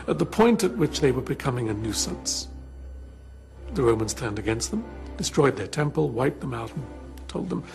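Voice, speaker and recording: Gravelly-voiced man arguing point by point. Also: medium pitch, a little mellow. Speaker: commentator. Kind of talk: interview commentary.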